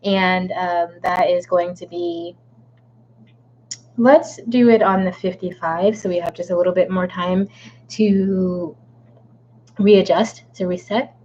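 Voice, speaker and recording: A woman's voice: lowish voice, fairly even intonation, slow pace, long pauses, darkish tone. A woman chats at her desk on a home livestream, rambling and playful, drifting in and out of a silly put-on accent. The sound is dull and lo-fi, with a faint hum underneath. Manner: chatty, rambling and playful, with a put-on accent she jokes about. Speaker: author hosting a live writing stream. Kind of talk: casual livestream chat.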